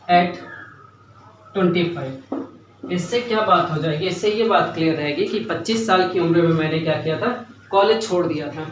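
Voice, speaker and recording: With a high-pitched voice, the young man works through a grammar lesson, going back over key points and regularly checking comprehension. A little hiss or hum sits under the recording, made with a far-off mic in an echoey space.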